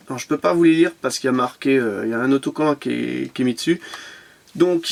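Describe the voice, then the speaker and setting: Chatty enthusiastic man, fairly high voice. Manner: enthusiastic, repeats words, many fillers. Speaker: toy car collector vlogger. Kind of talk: casual unboxing commentary.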